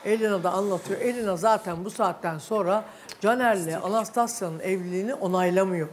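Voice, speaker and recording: A woman's voice: medium pitch, fairly quick, slight background noise. A woman hosting a live daytime talk show, commenting on and coaching her guests. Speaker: host.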